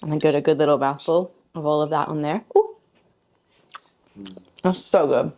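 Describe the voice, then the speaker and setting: A woman's voice: low voice, steady tone, normal speed, darkish tone. A woman hosting a home cooking video, chatting playfully and joking as she plates a dessert in her kitchen. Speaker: cooking show host. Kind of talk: casual cooking demo chat.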